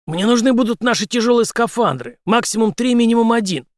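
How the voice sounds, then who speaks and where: A man's voice: extremely high pitch, fairly quick, no echo, studio quality, voice pushed up. A man voicing a resolute ex-captain. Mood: determined. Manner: determined, forceful. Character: resolute male ex-captain, a devoted husband.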